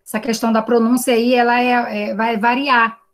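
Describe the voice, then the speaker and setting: A woman's voice: on the high side, level tone, moderate pace. A woman with a Brazilian Portuguese accent teaching an online class over a video call, explaining patiently and often checking in with tag questions. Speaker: English teacher.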